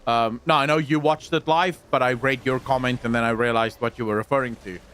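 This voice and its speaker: A man's voice: mid-range voice, fairly even intonation, a little fast, fairly bright tone, slight background noise. A man doing casual live gameplay commentary in a sweary frat-bro manner, addressing his viewers like buddies. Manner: frat-bro slang, swears freely, calls viewers boys and bro. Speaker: live streamer and video creator.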